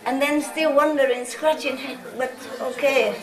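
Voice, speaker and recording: A woman's voice: sits high, steady tone, normal speed, crowd noise. A woman from Vietnam, a spiritual teacher, giving an informal lecture and telling stories in a chatty way with many "you know?" asides. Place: large hall with an audience. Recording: echoey hall from a distance with audience.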